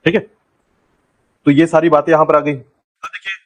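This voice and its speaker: A man's voice: fairly high pitch, steady tone, moderate pace, rough recording. A man teaching an exam-prep lecture, drilling key points and repeatedly telling students to remember them. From India.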